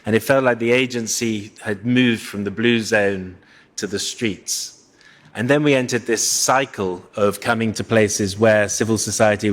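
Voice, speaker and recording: A man speaking as a panelist in a reflective, measured way, often softening his points with hedges. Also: fairly low pitch. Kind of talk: panel discussion remarks. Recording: long hall reverb.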